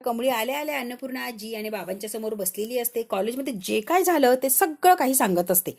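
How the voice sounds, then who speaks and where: A woman narrating and acting out a TV serial's scenes in a lively storytelling manner. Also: a little high, a little fast. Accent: Marathi. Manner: lively, acts out quarrels with raised voice. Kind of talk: dramatic retelling of a TV serial with voiced dialogue.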